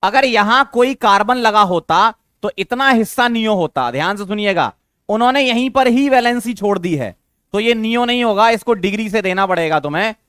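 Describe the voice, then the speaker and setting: A man's voice: sits high, animated, normal speed, fairly bright tone, clean tone, no room sound, studio quality. A man teaching a chemistry lesson, coaxing his students with questions and repeating the key terms. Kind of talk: classroom lecture.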